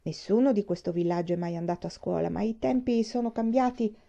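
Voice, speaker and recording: A woman reading aloud and voicing an old male village elder who speaks in a calm, approving way. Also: medium pitch, fairly quick, vocal fry, muffled recording, close to an everyday voice. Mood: proud.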